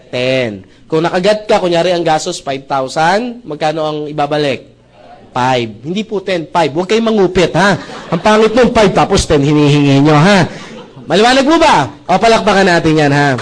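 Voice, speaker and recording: High-voiced joking seminar speaker man. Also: moderate pace. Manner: jokey, animated, often asks the audience "right?"; mixes English into Filipino speech. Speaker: seminar speaker presenting a business opportunity. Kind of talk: live sales presentation to an audience.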